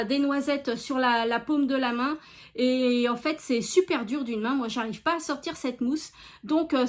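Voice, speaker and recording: A woman chatting casually as she reviews finished beauty products, talking straight to her viewers with many hesitations. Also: sits high. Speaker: beauty vlogger.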